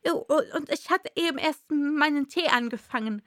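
A woman's voice: high voice, lively intonation, slow, sharp tone, dry recording, studio quality, voice pushed up, full character voice. A woman voicing a frightened male hatter who stammers and trembles as he pleads. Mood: pleading.

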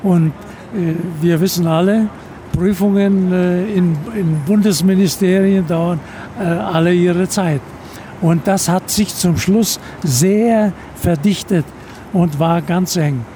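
A man of eighty-six, a retired captain, answering interview questions in a deliberate, measured way with pauses mid-phrase. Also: high-pitched, warm tone, a little hiss or hum. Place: aboard an airliner.

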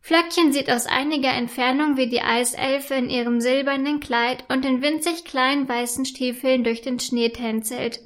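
A woman narrating a children's story in a gentle, even storytelling manner. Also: high-pitched, normal speed, few pauses.

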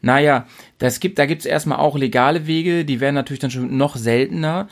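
A man's voice: fairly high pitch, a little fast. A man co-hosting a casual podcast chat, thinking aloud in an easy way with frequent fillers. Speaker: podcast co-host.

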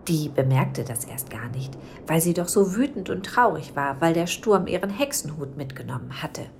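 A woman reading a children's story aloud in a soft, often whispery way. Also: low-pitched, lively intonation, moderate pace, vocal fry, slight background noise.

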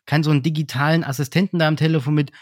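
A man's voice: a little high, fairly even intonation, very fast, dry recording, clean studio sound. A man in casual business chat on a podcast, telling anecdotes and acting out phone calls with customers.

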